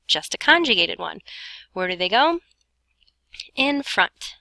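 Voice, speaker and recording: Woman, teacher, bright voice, dry close sound, heavy breathing, short of breath, informal step-by-step grammar explanation. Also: mid-range voice, very animated, slow pace, gravelly, dry recording, poor audio. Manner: breathing heavily while talking; informal, talks students through each step, self-correcting. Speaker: Spanish teacher recording an explanation for students. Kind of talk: step-by-step grammar lesson narration.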